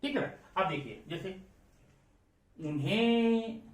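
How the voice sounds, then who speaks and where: A man leads an English grammar lesson, repeating example sentences slowly and checking in with students through quick questions. His voice carries a roomy echo, as if the mic sits well away from him. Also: sits high, lively intonation, distant mic. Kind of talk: classroom-style grammar lesson.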